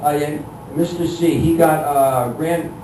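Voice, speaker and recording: A man's voice: fairly high pitch, steady tone, warm tone. Echoey, distant middle-aged man telling comic stories. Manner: conversational, halting, exasperated self-deprecation. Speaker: stand-up comedian. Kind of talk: live comic storytelling to an audience. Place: live room with an audience. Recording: echoey room, distant mic, clear background noise.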